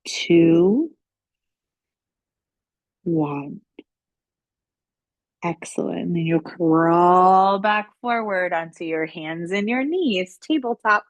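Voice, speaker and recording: A woman yoga instructor gently guiding children and families through poses, with playful, encouraging cues. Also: lowish voice, no room sound. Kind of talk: guided kids' yoga instruction.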